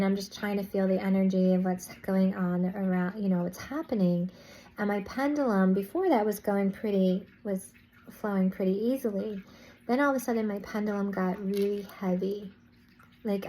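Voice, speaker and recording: A woman's voice: mid-range voice, mellow, a little hiss or hum, low-quality recording. A woman vlogger casually recounting a spiritual experience, rambling with restarts and "I was like" asides.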